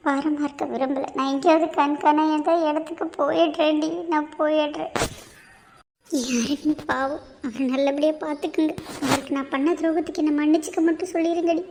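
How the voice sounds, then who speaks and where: A woman's voice: sits high, noisy background. A woman voicing a remorseful young pregnant wife in a cartoon, talking in a tearful, pleading, self-blaming way. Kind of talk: amateur cartoon voice acting.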